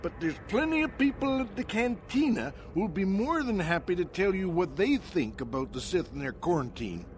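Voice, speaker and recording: An actor playing a grumpy, folksy old janitor in a video game, with a rambling, stammering way of talking. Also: male voice, high-pitched, very animated, normal speed, hardly any pauses, a little hiss or hum. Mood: folksy, reserved. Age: older.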